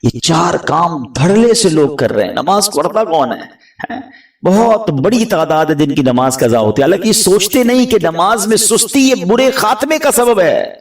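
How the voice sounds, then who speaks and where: A male preacher delivers an impassioned sermon, sitting a little high for a man's voice and ranging widely. He rises to loud peaks and falls to soft pleading. He is recorded from a distance in a reverberant hall. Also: animated. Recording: echoey hall, voice from far off the mic.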